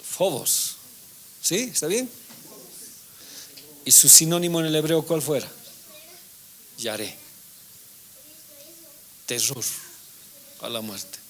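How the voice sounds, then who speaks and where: A man's voice: on the high side, slow pace, long pauses. A man teaching a Bible class as a pastor, reading scripture aloud and putting questions to his listeners that he then answers himself. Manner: animated preaching, reads scripture aloud, asks the congregation questions. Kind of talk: sermon.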